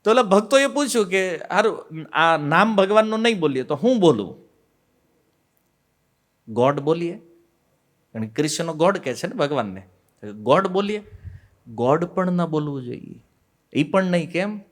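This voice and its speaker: Man giving an animated devotional lecture. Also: on the high side, brisk. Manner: storytelling, poses rhetorical questions and acts out quoted voices; swings between loud emphasis and dropped, quiet asides. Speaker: devotional speaker on the Bhagavad Gita.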